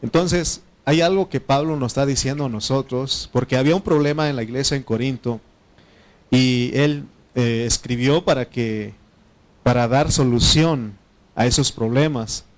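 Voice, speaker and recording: A man's voice: mid-range voice, normal speed. A man from Oaxaca, Mexico, preaching a sermon in a Mexican Spanish accent, speaking Spanish as a second language, talking conversationally with frequent fillers and self-corrections and putting questions to the congregation. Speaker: pastor.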